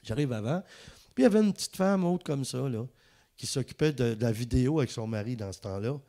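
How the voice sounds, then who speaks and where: Quebec french preacher guy, lively storytelling, mid pitch voice, chuckles at his own jokes. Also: brisk. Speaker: preacher and guest speaker. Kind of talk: anecdotal sermon.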